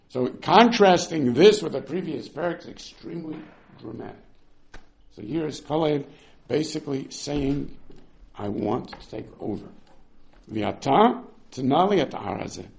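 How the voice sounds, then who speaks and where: His voice is a little high, creaky and darkish as this Torah teacher works through a Bible text. He reads the Hebrew verses aloud and explains them, his delivery swinging emphatically and dramatically.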